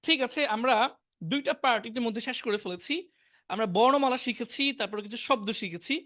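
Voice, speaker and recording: A woman teaching a beginner English class online, reciting letters and simple words slowly and clearly for learners to repeat aloud. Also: a little high, a bit bright. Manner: slow, drilling repetition for learners to repeat aloud.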